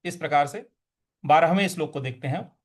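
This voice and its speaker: A man teaching the recitation of Sanskrit verses, chanting each line slowly and then explaining the pronunciation. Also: a little high. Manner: slow chanting of verses between quick spoken explanations.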